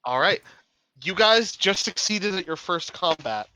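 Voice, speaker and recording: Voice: mid-range voice, expressive, unhurried, background noise. A game master narrating a tabletop game, descriptive and encouraging.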